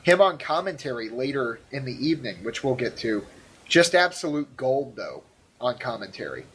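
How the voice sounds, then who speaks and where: An American man co-hosting a casual podcast, talking excitedly with stammered restarts and frequent laughter. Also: mid-range voice, moderate pace, slight background noise. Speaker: podcast co-host. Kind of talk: casual wrestling recap chat.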